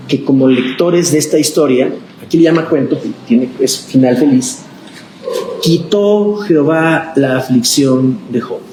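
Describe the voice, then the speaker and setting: A man, a pastor leading a conversational Bible study class, asking the group questions and acting out the voices he quotes. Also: medium pitch. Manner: chatty and animated, acts out quoted voices, asks the class questions. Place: church classroom. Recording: echoey room with background noise.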